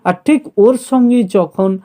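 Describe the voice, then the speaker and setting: A man giving an exam-prep lecture, explaining slowly with many fillers and pauses. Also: very high-pitched, dark tone. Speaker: teacher.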